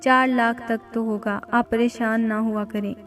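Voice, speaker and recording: A woman's voice: on the high side, fairly even intonation, measured pace, soft background music, lightly acted. A woman voicing a loving young wife who speaks in a tender, pleading way.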